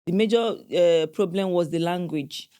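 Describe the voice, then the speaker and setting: A woman's voice: lowish voice, steady tone, normal speed, mellow, clear, resonant tone. A Nigerian woman in her thirties, from Anambra State, chatting casually on a podcast and laughing often. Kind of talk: casual chat.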